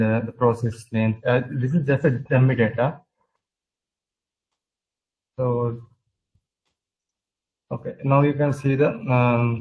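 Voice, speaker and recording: A man pitching his team's project in a product demo, talking over a video call while sharing his screen, halting and full of filler sounds. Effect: video call audio while sharing his screen. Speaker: hackathon team presenter. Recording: muffled video call audio.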